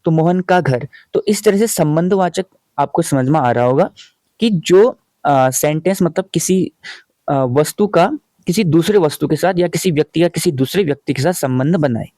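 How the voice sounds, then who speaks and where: A man's voice: a little high, normal speed, dark tone, no room sound. A young man teaching an exam-prep grammar lesson, explaining by repeating examples and asking rhetorical questions.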